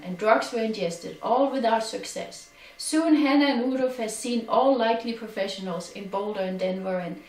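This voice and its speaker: A middle-aged Danish woman giving an earnest personal testimony, her voice sinking quieter on sad memories. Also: fairly high pitch. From Denmark. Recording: echoey room, distant from mic.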